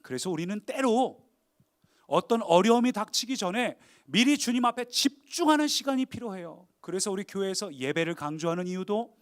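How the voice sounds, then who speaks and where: High-voiced emphatic male preacher. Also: very animated, normal speed. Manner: emphatic, dramatic, shifts between loud appeals and quiet asides. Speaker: pastor. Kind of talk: sermon.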